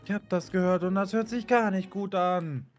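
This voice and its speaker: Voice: medium pitch, fairly even intonation, normal speed. A player in a Minecraft role-play, talking in a wry, hesitant way. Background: game music.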